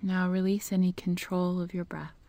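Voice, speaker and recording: A woman leading a guided meditation in a slow, soft voice that often drops into a whisper. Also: fairly low pitch, completely flat delivery, dry recording.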